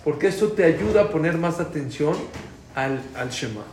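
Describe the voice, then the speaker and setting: A man's voice: a little high, normal speed. A man teaching a prayer class, explaining points and quizzing his students. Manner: lively, asks the class questions, repeats key points loudly. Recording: echoey room, faint background noise.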